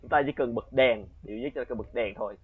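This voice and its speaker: A man's voice: medium pitch, quick pace, breathy edge, phone-quality sound. A man doing casual let's-play commentary on a horror game, jumpy, yelping when startled and muttering as he reads. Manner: jumpy, yelps and shouts when scared, mutters readings. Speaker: gamer playing a horror game.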